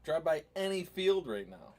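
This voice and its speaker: A man's voice: fairly high pitch, sing-song, normal speed, darkish tone. A man co-hosting a casual hunting podcast, chiming in with short, dry remarks.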